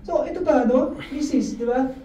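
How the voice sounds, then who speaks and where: A man giving a lively, joking motivational talk to his insurance sales team, often asking the room questions. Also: extremely high pitch, moderate pace. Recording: echoey room, mic at a distance, faint noise.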